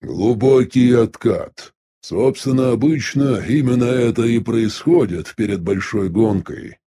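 A man voicing an elderly sect elder in an audiobook, speaking in a measured, weary, reflective way with a husky voice. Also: mid-range voice, mellow, a little hiss or hum, lightly acted. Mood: weary musing. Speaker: audiobook voice actor. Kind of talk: audiobook dialogue reading.

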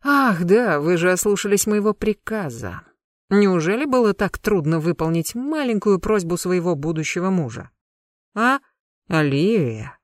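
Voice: medium pitch, sing-song, unhurried, no echo, studio quality. A reader voicing a suave, cruel aristocratic lord in an audiobook, speaking with mocking courtesy and cold menace. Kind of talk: audiobook narration.

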